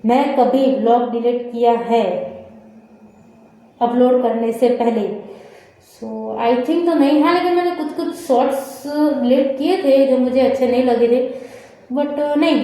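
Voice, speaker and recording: Young woman, unwell vlogger, high mellow voice, rambling soft chat into a handheld phone in a very echoey room. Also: steady tone, a little slow. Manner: soft-spoken, rambling, many fillers. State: unwell, low energy. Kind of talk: casual vlog chat. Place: room upstairs at home. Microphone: phone held in hand.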